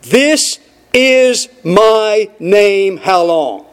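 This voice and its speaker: Slow, emphatic male preacher. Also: sits high, animated, smooth. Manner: asks the audience questions. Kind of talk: sermon.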